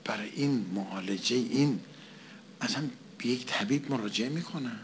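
A man's voice: mid-range voice, slight background noise. A man preaching a conversational sermon, asking and answering his own questions and repeating phrases for emphasis.

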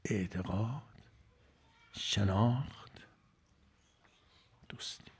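A man preaching a sermon, moving from loud, emphatic phrases to near-whispers. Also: on the low side, husky. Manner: dramatic swings from loud to whispered.

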